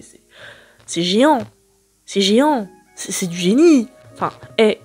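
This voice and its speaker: A woman in her twenties hosting a casual, slangy chat about new manga releases, full of fillers and excitement. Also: medium pitch, breathy edge. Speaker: manga booktuber host.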